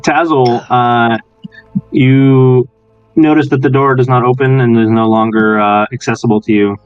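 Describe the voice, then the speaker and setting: A man's voice: medium pitch, steady tone, moderate pace, clear, resonant tone, lo-fi sound. A man running a tabletop game as game master, narrating and chatting casually.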